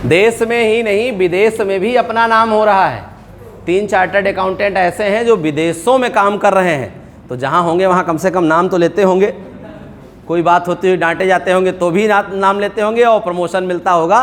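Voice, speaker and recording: A middle-aged man gives a classroom lecture on accounting, mixing English terms into his speech and checking in with his students. His voice sits high and his pace is brisk.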